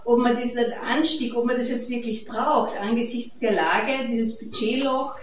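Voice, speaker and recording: Austrian woman, higher voice, hesitant public talk, heard from afar in a muffled, echoey hall. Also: steady tone, normal speed, distant mic, slight background noise. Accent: Austrian German. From Carinthia, Austria. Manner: hesitant, many fillers and restarts. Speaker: speaker at a peace event. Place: event hall.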